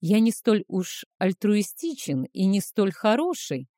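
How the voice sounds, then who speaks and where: A woman reading aloud and voicing a proud, reserved, icy supernatural man who speaks with measured honesty. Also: medium pitch, big pitch swings, warm tone, dry recording, clean studio sound.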